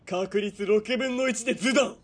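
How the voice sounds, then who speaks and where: In a Japanese radio drama, a male actor with a high voice plays a sadistic, menacing military police villain at a normal pace. He sneers and mocks, moving between quiet threats and barked orders.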